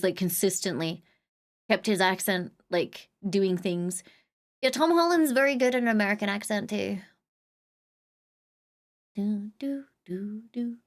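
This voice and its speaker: A woman live streamer chatting casually, humming little filler sounds and greeting viewers with bursts of excitement. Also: mid-range voice. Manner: chatty, hums and scats little filler sounds between thoughts.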